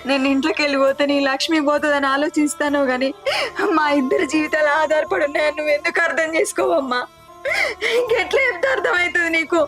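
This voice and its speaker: Woman doing a young daughter crying and begging her mom, high weepy voice, telangana accent, soft music behind. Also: fast talker. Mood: bitter reproach. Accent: Telangana Telugu. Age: young adult. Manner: sobbing, pleading, reproachful. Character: grief-stricken young married daughter pleading with mother.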